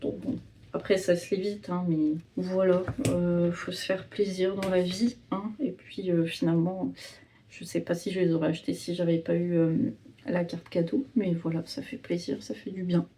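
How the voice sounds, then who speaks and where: A woman talks casually about her books in a reading vlog, in a mellow, warm tone. She hesitates often and restarts her sentences. The mic sits a little far off, with faint noise behind her. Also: lowish voice, level tone, normal speed. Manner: hesitant, many fillers and restarts. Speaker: book vlogger.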